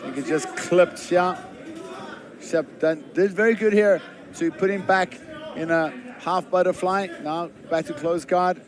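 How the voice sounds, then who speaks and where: A man giving conversational colour commentary on a live fight, informal and analytical, with halting phrasing. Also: high-pitched. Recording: crowd noise behind. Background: arena crowd.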